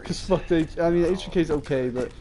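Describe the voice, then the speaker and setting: A man livestreams a video game, chatting casually like a frat bro with lots of slang and swearing. His voice is on the high side and he races along, over a noisy mic with game sound.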